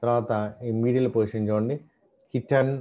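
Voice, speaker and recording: A man's voice: medium pitch, sing-song, normal speed. A man teaching an online English pronunciation class, explaining in English and then restating in Telugu, drilling sounds and example words one by one. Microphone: computer mic on video call. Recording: dull lo-fi video call audio.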